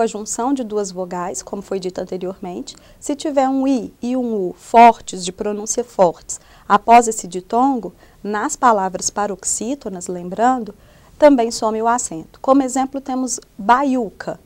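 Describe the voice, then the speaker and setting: A woman's voice: on the high side, moderate pace, a little mellow. A young adult woman from Brazil with a Brazilian Portuguese accent, presenting a lesson in an explanatory way with frequent hesitation fillers. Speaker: student presenter. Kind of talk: recorded classroom lesson.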